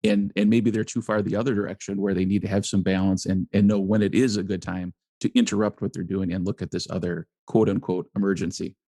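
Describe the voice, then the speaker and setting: A man co-hosting a casual podcast conversation, laughing often and acting out quotes in an animated way. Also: sits low, quick pace, hardly any pauses, no echo, studio quality. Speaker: podcast co-host.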